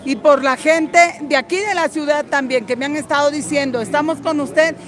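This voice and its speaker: Out on a crowded city street with music behind her, an older political activist from Guatemala speaks in a high-pitched voice at a moderate pace. She's impassioned, confrontational, and salty-tongued throughout the interview.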